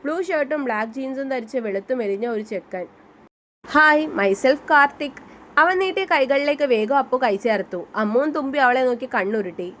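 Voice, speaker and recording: A woman's voice: sits high, lively intonation, fairly quick, hardly any pauses, a little hiss or hum. A woman narrating a written story and reading the characters' lines in her own voice. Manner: reads all the characters' dialogue in her own voice.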